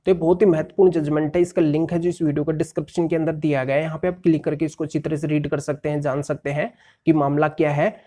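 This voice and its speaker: A man's voice: fairly high pitch, mellow. A male lawyer explaining a court ruling step by step and rephrasing legal terms in plain words.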